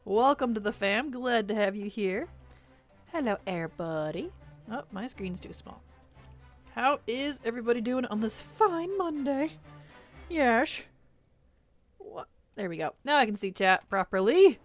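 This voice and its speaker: A woman chats casually on a live stream, greeting viewers and laughing easily. She often drops to a mutter as she adjusts her settings, and soft music plays faintly behind her. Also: on the high side, lively intonation, measured pace. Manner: chatty, laughs often, mutters to herself while fixing settings.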